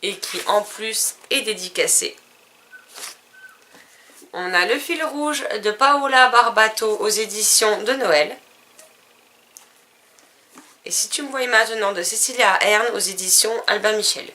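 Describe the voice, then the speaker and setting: Lady reading off her book pile, bright voice, lots of euhs and little corrections. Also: mid-range voice, measured pace, long pauses, slight background noise. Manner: lists titles and publishers, self-correcting with fillers. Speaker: book vlogger. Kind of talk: casual book haul vlog.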